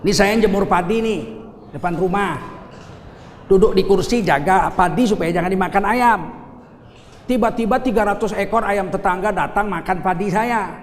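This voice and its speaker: A middle-aged man preaching a lively sermon with funny stories, animated and teasing, acting out little scenes as he goes. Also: sits high, moderate pace. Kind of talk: lively sermon with humorous anecdotes. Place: large hall at a gathering. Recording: echoey hall, faint ambience.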